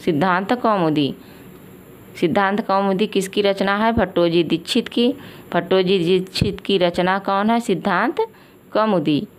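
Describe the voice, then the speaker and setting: A woman's voice: mid-range voice, unhurried. A woman with an Indian accent giving an exam-prep lesson, asking questions and answering them herself, repeating each point. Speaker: Sanskrit teacher.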